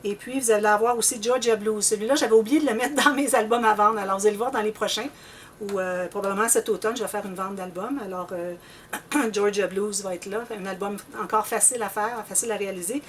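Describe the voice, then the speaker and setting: A woman with a Québécois French accent hosting a scrapbooking channel, chatting casually to viewers in a rambling way and often clearing her throat. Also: medium pitch, fast talker, far from the mic, a little hiss or hum. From Canada.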